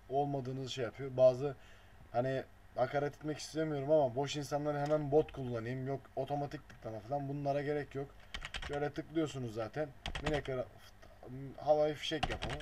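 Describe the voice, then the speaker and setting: With a mellow, steady, medium-pitched voice that runs a little fast, a man talks through a screen-recording tutorial at home. He mutters while clicking and makes blunt offhand jokes, over noise and the sound of keyboard and mouse clicks.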